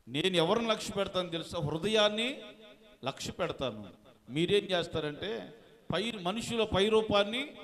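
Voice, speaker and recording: A man's voice: a little high, fairly bright tone. A man preaching a sermon as a pastor, calling on the congregation to answer and mixing in English words. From India. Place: church hall. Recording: long hall reverb.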